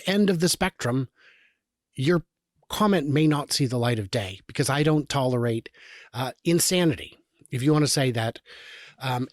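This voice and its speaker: A man's voice: mid-range voice, dry recording, studio quality. A man hosting a political commentary show, reading articles aloud and reacting with sarcastic, exasperated asides and frequent restarts. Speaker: show host.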